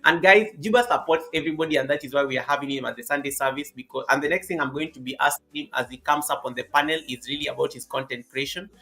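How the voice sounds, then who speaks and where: A man's voice: on the high side, fast, hardly any pauses, pushed and bright. A man hosting a casual livestream, greeting and thanking viewers by name and often repeating his phrases. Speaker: livestream host.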